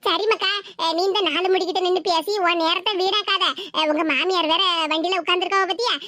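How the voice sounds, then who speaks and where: A woman voicing a sharp-tongued, teasing village woman in a cartoon, with a Tirunelveli Tamil accent. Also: very high-pitched, fairly even intonation, a little fast, no room sound, studio quality. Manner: teasing, mocking, laughs often.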